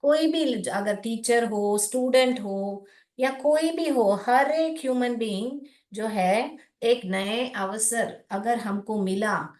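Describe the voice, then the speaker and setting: A woman English teacher with an Indian accent, giving a lesson that mixes Hindi and English and often asks the class whether it is clear. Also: fairly high pitch, darkish tone, reverberant. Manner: slow, checks often with "okay? clear?".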